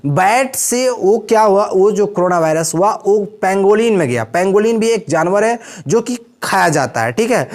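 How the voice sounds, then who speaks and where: A man teaching English vocabulary in a lesson. He explains each word step by step and keeps checking in with his students. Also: high-pitched. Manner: explains step by step, with frequent "theek hai" check-ins.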